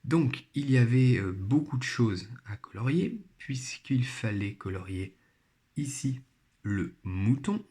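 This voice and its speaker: Man, primary teacher, slow patient delivery, careful syllable-by-syllable articulation, mid-pitched voice. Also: very animated, dark tone. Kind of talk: recorded remote phonics lesson.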